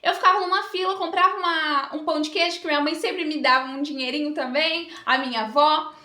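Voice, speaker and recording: Bright, echoey young woman telling a testimony. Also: high voice, steady tone, a little fast. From Brazil. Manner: heartfelt, earnest storytelling with emotional rises. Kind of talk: personal testimony. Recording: echoey room with faint music.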